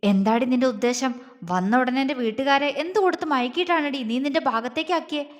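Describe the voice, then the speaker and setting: A woman's voice: sits high, a little fast, lightly acted. A woman reading the part of an angry young husband in a romance audio story, speaking harshly and with contempt. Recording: long hall reverb.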